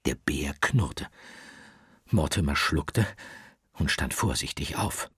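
Storybook narrator, very low and husky, slow and lively, dry close mic. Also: male voice, dry recording. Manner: slow, expressive, with dramatic whispers. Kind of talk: children's audiobook narration.

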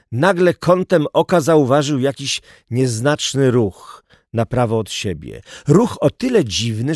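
A male narrator reading a story in a measured, unhurried way. His delivery is slow, with a lively, varied melody. The sound is dry and close, with no room around it. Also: mid-range voice, dry recording. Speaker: audiobook narrator. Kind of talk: scripted narration.

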